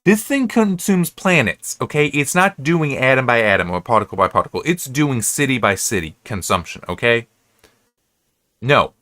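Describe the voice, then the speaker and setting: An American man with a bright, medium-pitched voice and lively intonation rambles casually in a dry, echo-free recording. He's a reviewer hosting an episode-by-episode analysis, and his unscripted commentary halts, self-corrects, restarts and wanders off on tangents often.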